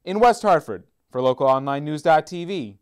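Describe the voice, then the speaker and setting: A man's voice: fairly high pitch, lively intonation, normal speed, smooth. A man narrating a scripted local news report as the reporter.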